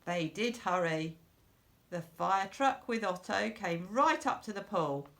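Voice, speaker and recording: Reading a children's storybook slowly and deliberately, a woman stresses phrases expressively for young listeners. Her mid-range voice is a bit bright, expressive, and noticeably creaky.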